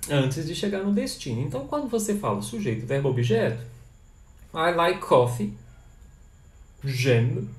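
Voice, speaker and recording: A Brazilian man with a Brazilian Portuguese accent, a language teacher answering viewers' questions in a live session and sounding out foreign phrases. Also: echoey room. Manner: animated, pitch leaps up and down, demonstrates foreign phrases.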